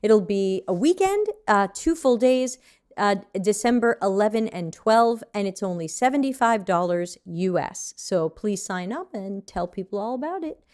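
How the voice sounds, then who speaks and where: A woman's voice: medium pitch, lively intonation, normal speed, a little mellow. Chatty American woman teaching a lesson. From United States. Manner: chatty, conversational, answers viewer questions. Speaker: UX design teacher. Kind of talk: live online micro lesson.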